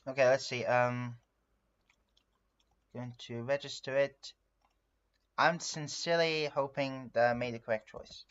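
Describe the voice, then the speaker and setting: On a relaxed drawing stream, a native French speaker from France rambles along, narrating what he's doing and leaning on fillers. He talks unhurriedly with frequent pauses in a steady mid-range voice that is a bit bright, clear and resonant, captured with lo-fi sound.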